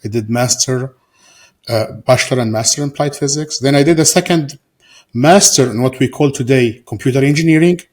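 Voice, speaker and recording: Middle-aged man from Syria, interview guest, hesitant delivery, average pitch. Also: brisk, darkish tone. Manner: hesitant, many fillers and restarts. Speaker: guest, author and entrepreneur. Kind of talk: interview answers.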